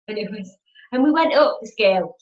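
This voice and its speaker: A woman's voice: on the high side, expressive, brisk. Chatty woman teaching in a roomy space. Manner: chatty, repeats phrases, acts out inner voices. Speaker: spiritual teacher. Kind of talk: motivational teaching talk to camera. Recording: roomy, dull lo-fi home video.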